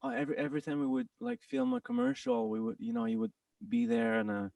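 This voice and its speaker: A French-Canadian man chats as an interview guest, and his voice sits high and swoops a lot. It has a heavy gravelly fry. He sounds set back from the mic in a dry space. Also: huge pitch swings, darkish tone, no room sound, far from the mic. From Quebec, Canada. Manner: halting, many restarts and fillers, laughs often. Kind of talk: casual interview chat.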